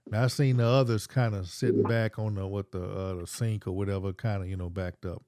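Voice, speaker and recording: A man's voice: fairly low pitch, fairly even intonation, a little fast, warm tone, dry recording, clean studio sound. A man hosting a podcast, talking casually and hesitantly with many restarts. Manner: hesitant, restarts, filler-heavy. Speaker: podcast host. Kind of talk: casual talk-show chat.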